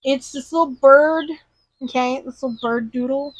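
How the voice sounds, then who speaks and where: High-voiced woman telling a story with gusto. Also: moderate pace, dry recording, poor audio. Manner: animated storyteller, acts out characters' lines. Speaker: podcast co-host. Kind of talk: casual chat.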